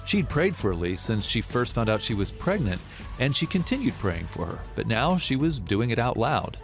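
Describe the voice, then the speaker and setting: Male narrator, lowish pitch, very lively intonation, scripted documentary storytelling, light music underneath. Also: moderate pace, vocal fry.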